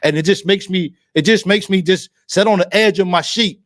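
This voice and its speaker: A man talks on a fan livestream in a fairly high, eager voice. He is emotional and effusive, repeats himself and keeps restarting phrases. The sound is close and dry, with no room around it. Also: normal speed, dry recording. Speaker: livestream sports show host. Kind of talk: excited casual fan commentary.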